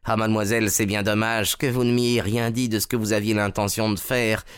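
A man's voice: on the low side, flat delivery, brisk, clear, resonant tone, no room sound, studio quality, lightly acted. A man voicing a tall, thin female housekeeper who speaks plainly and frankly.

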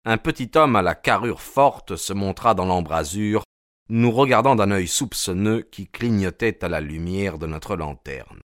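Low-voiced male audiobook narrator. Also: animated, a little slow, no echo, clean studio sound.

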